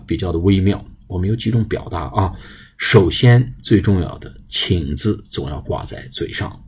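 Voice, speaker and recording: A man with a deep, low voice and a slightly husky tone teaches English to Mandarin speakers. He has a Chinese accent, slows down to spell out example phrases, and then explains them in Mandarin. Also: darkish tone. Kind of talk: bilingual English lesson.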